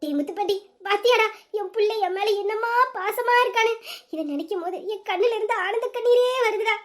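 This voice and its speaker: A woman voicing a sentimental village mother who fusses over her son and bosses everyone else around. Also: very high voice. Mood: tearful doting. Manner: fussy and sentimental, gives orders quickly.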